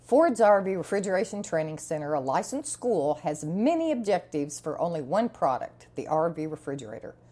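Woman reading an ad script, lowish mellow voice, steady and clear. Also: brisk, few pauses. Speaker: advertiser. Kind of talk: scripted ad read.

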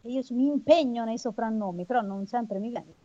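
A woman with a slightly high voice joins a casual group conversation. She speaks with an ironic manner, and her audio is dull and lo-fi, as if on a voice call. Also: a little fast, dark tone. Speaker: podcast panelist. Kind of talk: casual chat.

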